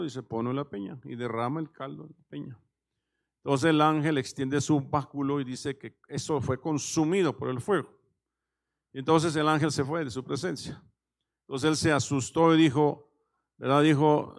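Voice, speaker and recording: A pastor preaching a conversational sermon, often checking in with the congregation and pausing on fillers. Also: male voice, medium pitch, gravelly. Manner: conversational, many "¿verdad?" tags and hesitations.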